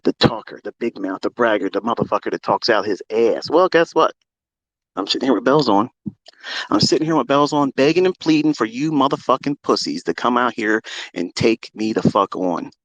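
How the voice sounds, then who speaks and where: Animated and speaking a little fast, a man rants as a trading mentor during a live audio call. He brags, curses, and taunts his challengers, swinging between loud digs and low side remarks in a combative tirade.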